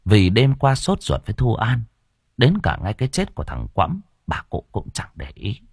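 Gravelly, husky male audiobook narrator. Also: on the low side, moderate pace, no room sound, studio quality. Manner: expressive, animated reading. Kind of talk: storytelling narration.

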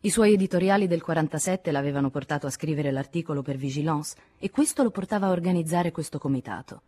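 A woman reading a literary novel aloud in a measured, even audiobook narration. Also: low-pitched. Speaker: audiobook reader.

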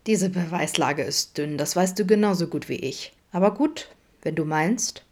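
A woman's voice: fairly low pitch, normal speed, a little mellow, close to an everyday voice. A woman playing a cold, smug policewoman. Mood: dismissive. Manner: cool, dismissive.

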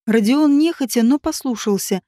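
Give me a high-voiced woman narrating an audiobook, steady and even. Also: moderate pace, dry recording, studio quality. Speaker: audiobook reader. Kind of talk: scripted narration.

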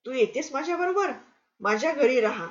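A kind, generous traveling gentleman, as a woman reader puts him on, gentle and affectionate in manner. The voice stays near the reader's own, a little high. Heard through a dull, lo-fi storybook recording. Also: animated, fairly quick.

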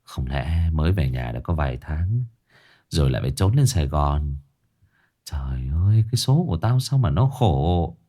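A man voicing a troubled young man haunted by ghosts, muttering low and worried. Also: lively intonation, moderate pace, pauses often.

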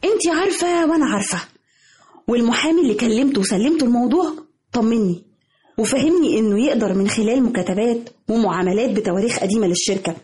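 A woman's voice: a little high, lively intonation, quick pace, darkish tone, close to an everyday voice. An actress with an Egyptian accent playing a defiant young woman claiming her inheritance in a radio drama, speaking with determination.

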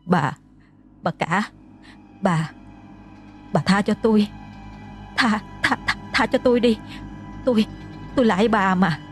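A woman's voice: mid-range voice, animated, takes it slowly, pauses often. A scheming older woman , voiced by a woman storyteller, stammers in terror and pleads. Her words break apart as she begs. Faint music sits underneath. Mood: pleading.

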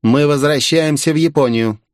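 A man's voice: mid-range voice, expressive, unhurried, no room sound, studio quality, natural voice. A man reading an audiobook voices a harsh, imperious woman commander who snaps orders coldly. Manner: cold, snapping, commanding.

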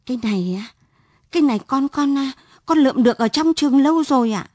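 A scared teenage boy in a spoken story, voiced by a woman, stammering and dodging, pitched well above the reader's own voice. The voice is husky and lively, and the sound is dry. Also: quick pace, no echo. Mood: nervous. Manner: stammering, evasive. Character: frightened teenage son, stammering excuses.

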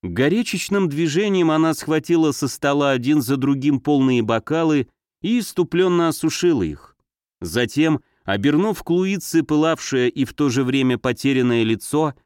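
A man's voice: a little high, darkish tone, smooth, dry recording. Man narrating a novel, dry sound. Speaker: audiobook narrator.

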